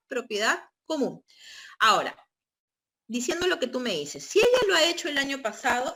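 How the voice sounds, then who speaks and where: A woman whose voice is fairly high in pitch and somewhat bright teaches real estate online. Her style is explanatory and step by step, with tag questions to check in on listeners.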